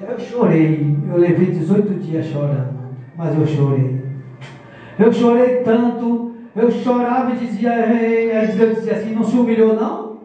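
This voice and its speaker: Male preacher, high and mellow, impassioned testimony, distant mic in a reverberant church. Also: muffled recording. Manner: impassioned, acts out dialogues with God. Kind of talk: sermon with personal testimony. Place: church service. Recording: echoey church, mic far off.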